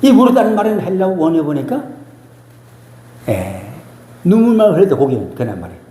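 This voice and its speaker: A man's voice: high-pitched, sing-song, fairly quick, dark tone. A man preaching a sermon as pastor, emotional and emphatic, repeating key phrases. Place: church sanctuary. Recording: roomy church hall reverb.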